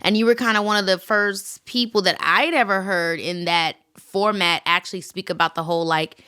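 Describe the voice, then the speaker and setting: A young woman hosting a casual chat, animated and full of fillers. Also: mid-range voice, moderate pace, smooth, no room sound, clean studio sound. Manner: animated, chatty, lots of fillers. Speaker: podcast host.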